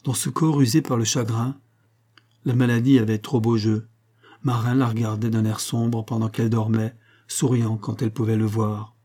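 A man reading a novel aloud as narrator, with steady, measured delivery. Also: fairly low pitch. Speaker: audiobook reader.

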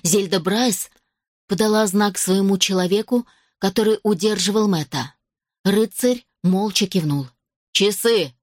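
A woman reading a novel aloud as an audiobook narrator, in an even, measured way. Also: mid-range voice, no echo, clean studio sound. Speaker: audiobook reader. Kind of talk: scripted narration.

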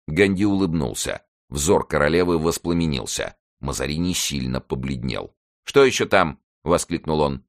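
A man reading an audiobook as narrator, with a measured, dramatic delivery. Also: very deep voice. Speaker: audiobook reader. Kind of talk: scripted narration.

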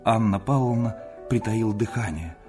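Deep-voiced man reading a classic novel. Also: normal speed, over music. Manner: expressive storytelling, acting out the characters. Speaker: narrator.

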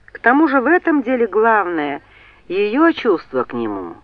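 A cool-headed young man who needles his brother, as a woman reading a novel puts him on. He speaks in a measured, cutting way. The sound is dry and a little muffled. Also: mid-range voice, wildly swooping pitch, no echo.

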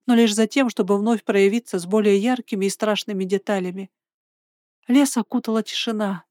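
A woman narrating a first-person fantasy story in a steady, dramatic reading. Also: medium pitch, no echo, clean studio sound.

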